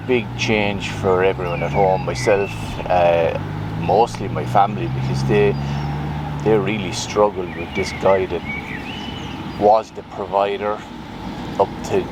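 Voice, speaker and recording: A man's voice: low voice, noisy background. A middle-aged Irish man, a retired butcher, telling his story in an interview, hesitant and reflective with many fillers. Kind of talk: personal testimony interview.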